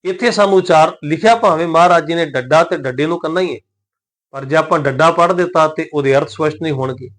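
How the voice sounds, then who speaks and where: Measured man teaching scripture. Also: a little high. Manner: calm, measured explanation, slowing down to recite verses. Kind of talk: religious lesson on scripture pronunciation.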